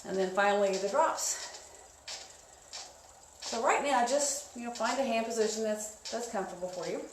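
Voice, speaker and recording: A woman's voice: fairly high pitch, normal speed. Woman spin instructor in an echoey room. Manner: encouraging coaching cues. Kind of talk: guided indoor cycling instruction. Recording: echoey room with faint noise.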